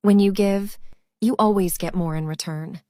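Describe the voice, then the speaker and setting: A woman playing a kind, humble, soft-hearted character in a scripted drama, gentle and earnest. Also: medium pitch, steady tone, moderate pace, no echo, studio quality, close to an everyday voice. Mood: compassionate.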